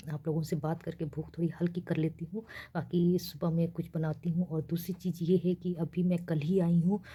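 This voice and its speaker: A young woman from India talks into her phone camera late at night, keeping her voice low and soft so as not to wake the neighbours. Her tone is very mellow and dark, with a slightly husky edge. It sounds like a relaxed, casual late-night vlog chat. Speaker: vlogger. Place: small rented room in a girls' hostel, at night.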